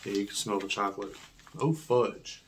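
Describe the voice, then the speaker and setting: A man's voice: on the low side, normal speed. A man in his thirties with a whistling s, chatting casually and slangily as he presents an unboxing, often repeating himself. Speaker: coffee review vlogger. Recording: clear background noise and clicks.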